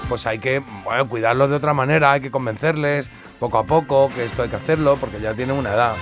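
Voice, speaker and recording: A man's voice: medium pitch, fast, music in the background. A man, co-hosting a radio show from a studio, teasing and joking in banter. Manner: teasing, jokey. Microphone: studio microphone.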